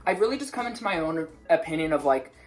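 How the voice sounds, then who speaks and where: A young woman with a slight lisp, chatting to camera at home in a rushed, rambling way, often stumbling over her words, with faint music behind her. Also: deep voice, animated, darkish tone. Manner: rushed, rambling, self-interrupting, stutters. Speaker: musician vlogger. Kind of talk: casual chat to camera.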